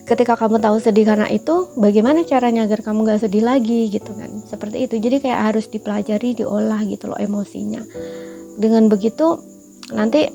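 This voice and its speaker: A woman's voice: a little high, gravelly, dark tone. A woman giving a casual, reassuring tarot reading, speaking in a chatty way with many fillers. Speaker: tarot reader.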